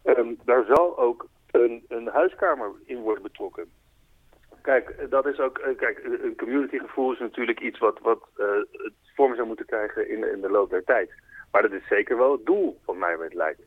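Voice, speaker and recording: A man's voice: mid-range voice, normal speed, husky, no room sound. Man, earnest explainer, tinny phone line, dry sound. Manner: earnest, explanatory, patiently clarifying. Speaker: spokesperson for a foundation, interviewee. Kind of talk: radio phone interview. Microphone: telephone.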